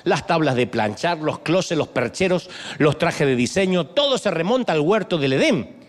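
A male preacher in his fifties delivers a sermon with a high, very lively voice that leaps up and down. He tells stories with humor and animation. The sound carries the long echo of a large hall. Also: normal speed. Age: 50s.

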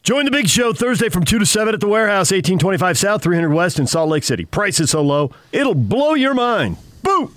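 A man's voice: high voice, sing-song, a little fast, few pauses, fairly bright tone, no room sound. A man reading a hard-sell radio ad in a punchy, exclamatory salesman delivery. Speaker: radio sports talk host.

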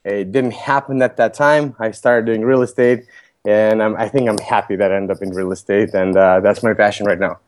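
A man's voice: on the low side, steady tone, normal speed. A man in his thirties from Lithuania, speaking with a Lithuanian accent, answering interview questions as a guest in a matter-of-fact, businesslike way. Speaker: podcast guest, real estate broker.

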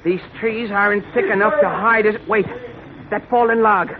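An actor playing a fussy little amateur detective, timid yet plucky, stammering and quaint, in a 1940s radio adventure. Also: male voice, sits high, steady tone, normal speed, a crowd in the background, natural voice. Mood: flustered, urgent. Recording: tinny, noisy old radio recording.

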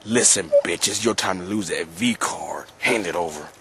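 Deep-ish male voice, hushed and matter-of-fact, recorded outdoors with faint background noise. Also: moderate pace. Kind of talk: confessional monologue. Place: outdoors in the woods.

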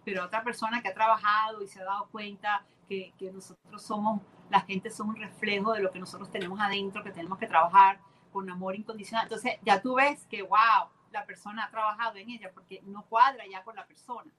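Bright, earnest woman guest. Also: medium pitch, steady tone, brisk, slight background noise, poor audio. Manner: earnest, explanatory, enthusiastic. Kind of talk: casual conversation.

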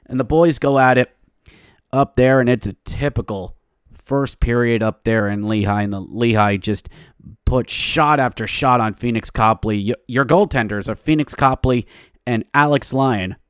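Man, sports podcast host, medium pitch, casual opinionated recap, wry, colloquial, dry studio-like sound. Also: moderate pace, smooth, no room sound. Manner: wry, colloquial, short emphatic phrases.

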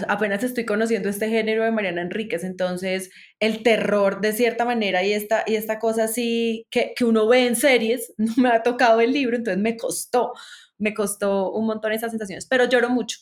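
Lively Colombian woman, slightly high voice. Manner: animated, laughs often, many restarts. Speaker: podcast guest. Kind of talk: casual conversation about books.

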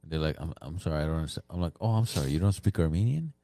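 Very deep-voiced laid-back man. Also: animated, rapid-fire, dark tone, no echo. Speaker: podcast co-host. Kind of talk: casual chat.

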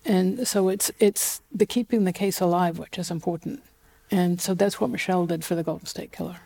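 This middle-aged New Zealand woman, a genetic genealogist, speaks as an interview guest in a Kiwi accent. Her fairly low voice has vocal fry and moves a little fast. She sounds relaxed, with loose fillers, frequent restarts and light laughs.

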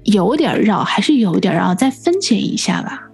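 A woman's voice: medium pitch, sing-song, normal speed, gravelly, darkish tone, breathy edge, faint music behind. A woman hosting a radio language lesson, asking curious questions and repeating the answers back. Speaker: host.

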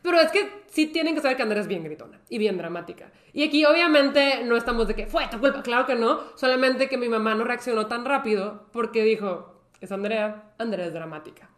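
A woman's voice: fairly high pitch, a little fast. A young woman co-hosting a casual chat, adding emphatic details to the story. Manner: emphatic, backs up and adds to the story. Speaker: podcast co-host. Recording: roomy echo.

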